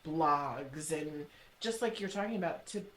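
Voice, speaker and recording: A woman's voice: deep voice, animated, measured pace, a bit bright, a little hiss or hum. A middle-aged woman on a school's mental health staff, thinking aloud in a conversational interview and working her ideas out as she goes. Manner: thoughtful, talks ideas through with restarts and asides.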